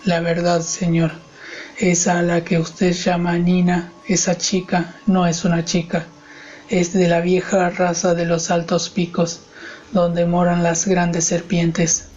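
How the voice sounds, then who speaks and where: A man's voice: on the high side, lo-fi sound. A man murmuring as a grave old housekeeper woman. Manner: slow, hushed, murmuring delivery.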